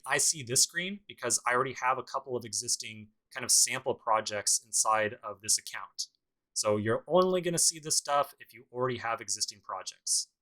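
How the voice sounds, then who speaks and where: A man's voice: mid-range voice, a bit bright, low-quality recording. A man teaching a programming course in a casual screencast tutorial, talking through each step with dry sarcastic asides. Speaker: programming instructor.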